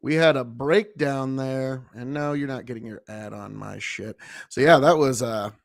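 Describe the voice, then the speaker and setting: A man's voice: medium pitch, moderate pace, vocal fry, no echo, studio quality. A man in casual online panel banter, talking in a jokey way with mock-dramatic asides.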